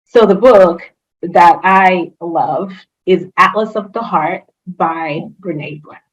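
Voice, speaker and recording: Raised in a Haitian family with French and Creole, and with French as her first language, this HR consultant chats as a guest in a casual interview. She's enthusiastic, full of fillers and restarts, and speaks slowly in a fairly low voice. The audio is poor, with slight background noise.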